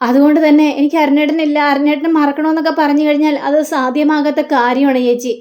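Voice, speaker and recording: A woman's voice: high-pitched, level tone, fast, darkish tone, lo-fi sound, lightly acted. A woman voicing a lovesick young woman who pleads for her fiancé, in a serial retelling. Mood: pleading.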